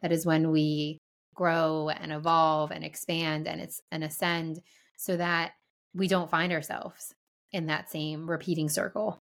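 Woman, energy-healer co-host, lowish voice, giggly, spiritual, conversational. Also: little pitch movement, a little slow, gravelly. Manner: laughs often, spiritual wording. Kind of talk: casual podcast chat.

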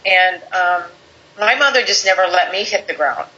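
A woman guest telling a personal story in conversation, animated, quoting people in lively voices. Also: fairly low pitch, moderate pace. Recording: slightly dull lo-fi audio with faint background hiss.

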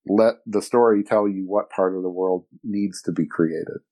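A man's voice: low voice, moderate pace, dark tone. A middle-aged man speaking as a podcast guest, reflective and rambling, often restarting his sentences. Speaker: guest, fantasy author and editor. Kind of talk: podcast conversation.

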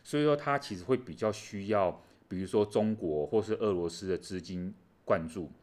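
A man's voice: fairly low pitch, moderate pace, darkish tone. A man co-hosting a casual chat on world affairs, explaining things animatedly with many fillers. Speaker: co-host.

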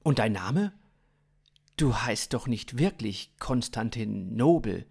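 A man's voice: medium pitch, lively intonation, slow pace, gravelly, a little mellow, breathy edge, exaggerated voice. A man doing a dry, skeptical earthling.

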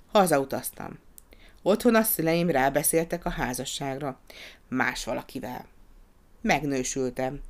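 A reader voicing a brooding, heartbroken politician. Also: male voice, fairly high pitch, close to an everyday voice.

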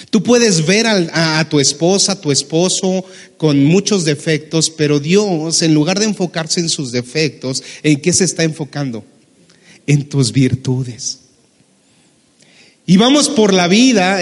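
A man, a pastor preaching a sermon, lively and humorous, acting out the people in his Bible stories. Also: a little high, big-room sound. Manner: animated, acts out Bible characters with humor.

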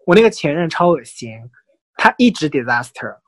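With a crowd audible behind him, the co-host chats at normal speed in a slightly high voice, spinning lively gossip and slipping English into his Chinese.

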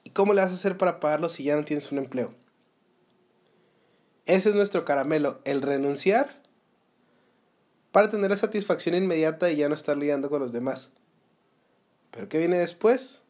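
A man's voice: a little high, normal speed, long pauses, darkish tone. A young man with a Mexican Spanish accent hosting a solo podcast, giving earnest advice and asking the listener rhetorical questions. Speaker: podcast host. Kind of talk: motivational solo podcast talk.

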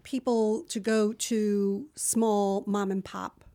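A woman's voice: medium pitch, flat delivery, slow pace, mellow, no echo. Woman voiceover artist guest, from New Jersey, chatty and rambling, dry. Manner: chatty, rambling, many asides. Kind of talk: casual interview chat.

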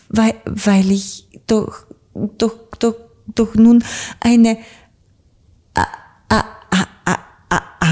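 A woman's voice: on the high side, creaky, darkish tone, pitched above the performer's own voice, full character voice. A woman voicing a small, frightened male blackbird in a children's storybook, stammering desperately over every word. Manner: stuttering, desperate. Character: small scared male blackbird who thinks he is an owl.

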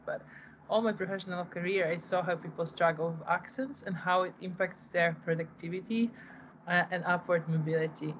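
A woman's voice: lowish voice, muffled recording. A woman, a startup founder answering interview questions earnestly, often restarting her sentences. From Ukraine, raised in Poland. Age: 40s. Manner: earnest, with frequent restarts and repeated words.

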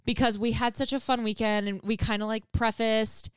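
A young woman co-hosting a casual chat with a friend, talking fast and loose with lots of "like" and some swearing. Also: on the high side, little pitch movement, clear, resonant tone, dry recording, clean studio sound. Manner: chatty, says "like" often, swears freely. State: expecting a baby. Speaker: podcast co-host.

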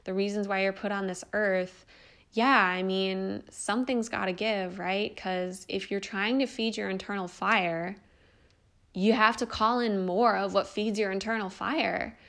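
In this spiritual self-help monologue, a young female podcast host talks about life purpose with earnest encouragement, keeping it casual and letting the odd curse slip. Her mid-range voice is steady, a touch bright, and slightly unhurried.

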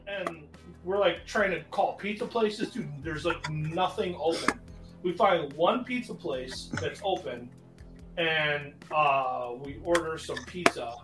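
Casual male podcast co-host, higher voice, rambling storyteller, echoey room with faint music. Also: takes it slowly. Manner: rambling, animated, many fillers.

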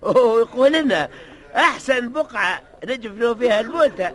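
A cranky old Tunisian man in a vintage radio play. His voice sits high for a man, and he grumbles and mocks with quick retorts. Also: animated, fairly bright tone, full character voice. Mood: grumbling. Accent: Tunisian Arabic. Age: older. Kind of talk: 1950s radio drama acting.

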